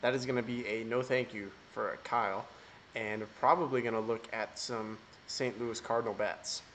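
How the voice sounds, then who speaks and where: A man's voice: medium pitch, fairly even intonation, moderate pace, a bit bright, a little hiss or hum. A man hosting a casual fantasy baseball podcast, jokey and emphatic, swearing casually. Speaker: fantasy baseball analyst host.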